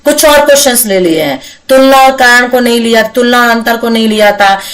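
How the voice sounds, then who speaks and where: A woman's voice: fairly high pitch, a little fast, a bit bright. Woman tutor, slightly distant from the mic. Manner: conversational, repeats tag questions, mixes English words. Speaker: online exam tutor. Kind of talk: casual Hindi exam-prep lecture.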